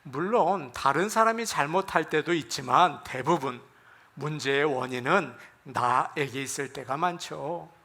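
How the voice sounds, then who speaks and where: Korean pastor preaching with a bright voice. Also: male voice, on the high side, measured pace. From South Korea. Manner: gentle, conversational preaching with acted quotes. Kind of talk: sermon.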